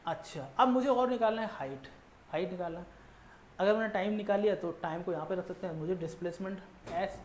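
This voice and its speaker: Male physics teacher, patient lecturing, repeats every step and answers his own questions; roomy echo, faint hiss behind. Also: high voice. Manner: asks questions and answers them himself; tags nearly every line with "ठीक है ना". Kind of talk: classroom lecture mixing Hindi and English. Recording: echoey room with faint background noise.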